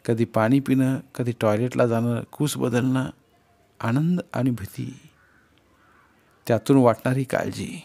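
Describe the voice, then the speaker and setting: A man narrating a short story in a measured, expressive reading style. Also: medium pitch, gravelly. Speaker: audiobook narrator.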